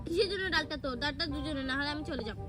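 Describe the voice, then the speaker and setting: A woman playing a pretend cooking game, bossy and scolding as she hands out food and calms a crying playmate. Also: high voice, racing, loud music behind the voice. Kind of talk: playful make-believe chat.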